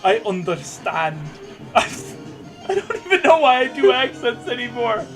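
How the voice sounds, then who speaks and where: A co-host reads fan fiction aloud in a very high, sing-song male voice with a fairly bright tone, at normal speed. He stammers and stumbles over the text, tossing in mocking, jokey asides while video game music plays behind him.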